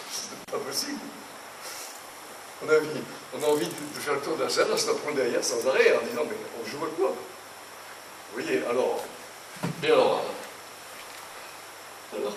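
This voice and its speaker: Before an audience in a conference hall, an elderly French painter rambles indignantly, an animated storyteller full of digressions and anecdotes. His voice is a little high; the distant mic picks up an echoey, noisy room.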